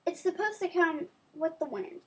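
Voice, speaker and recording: A woman's voice: very high-pitched, expressive, moderate pace, a bit bright. A woman reading as a joking trading-post man. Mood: teasing. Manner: offhand, mocking. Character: joking male trading-post local telling a legend.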